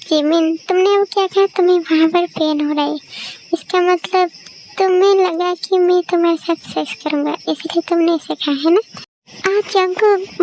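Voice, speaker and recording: A woman reading a fan fiction audio drama, voicing every character herself with quick, emotional dialogue. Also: very high-pitched, a little mellow, a little hiss or hum. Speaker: fan story narrator.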